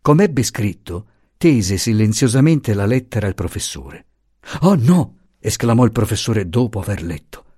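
A man narrating an audiobook of a classic novel with a lively, theatrical delivery. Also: on the low side, moderate pace, breathy edge, no echo, studio quality. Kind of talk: expressive reading of a classic novel.

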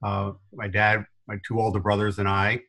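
This podcast guest, a middle-aged New York business consultant with a faded accent, has a low, gravelly voice that sounds pushed and bright yet stays monotone at a normal speed. Between frequent laughs, he tells stories and punches up his side comments.

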